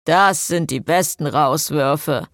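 Audiobook cast note: dry sardonic man, read by a woman, slow delivery, lowered voice. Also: no room sound. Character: sarcastic dry-witted man.

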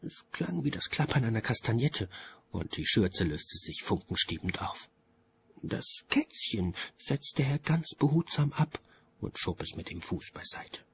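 A man narrating an audiobook in a theatrical, expressive storytelling manner. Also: mid-range voice, a little slow, creaky, a little hiss or hum.

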